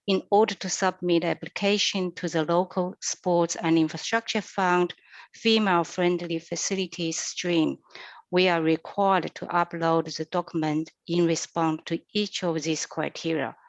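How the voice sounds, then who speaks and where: A woman serving as a council CEO, reading officers' advice aloud in a measured, formal way at a council meeting. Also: on the low side, steady tone, no room sound, highs cut off.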